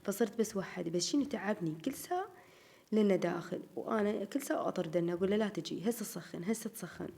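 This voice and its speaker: Talking quickly and sounding worn out, an Iraqi woman gives a casual voice-over of her home routine for her vlog, chatting away and addressing viewers as "girls." Her mid-range voice is warm and creaky, carries an Iraqi Arabic accent, and comes across as slightly strained.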